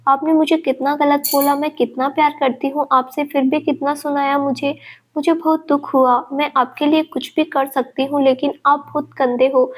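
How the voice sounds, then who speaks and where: A hurt, stubborn young woman from a storybook, drunk and tearful, pleading and reproaching her lover, as a woman narrator puts her on. The voice sits high and barely moves in pitch, with the same reading tone as the narration. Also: level tone, moderate pace, natural voice.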